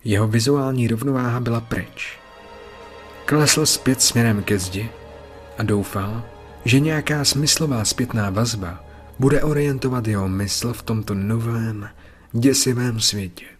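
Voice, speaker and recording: A man narrating a horror story in a steady, measured way. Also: medium pitch, faint music behind.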